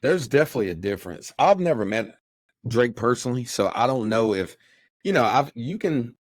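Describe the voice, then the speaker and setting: A man talking casually on a podcast, rambling and animated, often slipping into quoted voices. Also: medium pitch, a little fast, dry recording. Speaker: podcast co-host.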